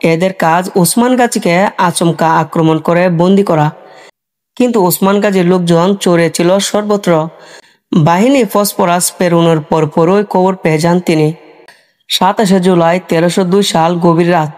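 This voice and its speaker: Male narrator, high voice, steady scripted storytelling. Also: measured pace.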